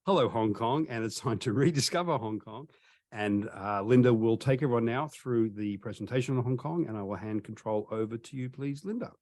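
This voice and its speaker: A man's voice: mid-range voice, fairly quick, a little mellow. A man hosting a travel webinar over a video call, chatty and friendly, with frequent ums and restarts. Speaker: webinar host.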